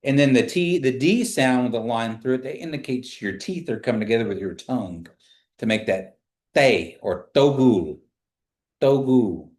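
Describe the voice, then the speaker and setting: A man teaching a language lesson, modeling words and sounds slowly with exaggerated emphasis as he explains pronunciation. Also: medium pitch, lively intonation. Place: indoor classroom. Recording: echoey room.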